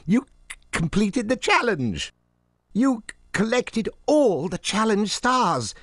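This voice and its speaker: A tiny old wizard professor whose pitch leaps wildly up and down. He is excitable and formal, encouraging pupils with theatrical flourish, as a video game character. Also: slow, no room sound, clean studio sound, heavily acted. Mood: congratulatory.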